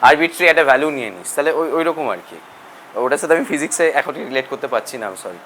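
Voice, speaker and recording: Male teacher, Bengali accent, classroom lecture, quizzing style; sharp bright tone. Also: on the high side, lively intonation, rapid-fire, a little hiss or hum. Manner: mixes Bengali and English, quizzes students. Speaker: physics teacher.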